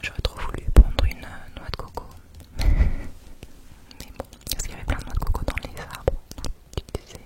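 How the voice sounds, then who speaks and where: A woman whispering a chatty, rambling ASMR travel vlog, quiet and gentle as if at night. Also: measured pace, pauses often. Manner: chatty, rambling, informal with repeated words. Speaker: vlogger.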